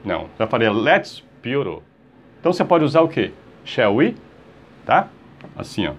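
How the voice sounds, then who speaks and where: Animated Brazilian English teacher. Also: male voice, medium pitch, moderate pace, slight background noise. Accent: Brazilian Portuguese. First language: Portuguese. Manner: patient, repeats example phrases many times, checks in with "tá?". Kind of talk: online English lesson explaining common mistakes.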